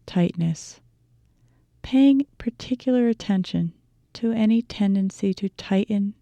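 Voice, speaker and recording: Leading a guided meditation, a woman meditation teacher speaks softly and mellowly, her voice sitting a touch low. Her instructions come gently, separated by deliberate pauses, in a close, dry recording.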